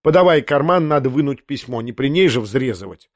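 A man's voice: medium pitch, animated, a little fast, no echo, studio quality, natural voice. A male audiobook reader voicing a brusque, bossy lady of the house who scolds and commands impatiently. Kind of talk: audiobook character voice.

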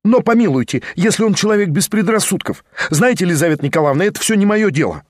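A man reading a novel aloud and voicing a fussy, scheming young man who pleads and coaxes in a rapid, high patter. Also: animated, no room sound, studio quality. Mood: impatient. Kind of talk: audiobook character reading.

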